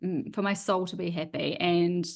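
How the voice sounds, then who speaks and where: A New Zealand author in her thirties chats casually from home on a video call interview, rambling and hesitant with many restarts. Her voice is fairly low and gravelly, with a steady tone and moderate pace.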